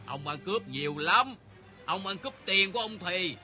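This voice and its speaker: A tough drifter in a radio drama who needles and taunts with sarcasm. His voice sits high for a man. The recording is dull and lo-fi, with a faint music bed. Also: expressive, moderate pace. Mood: taunting. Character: tough, mocking male drifter, adult.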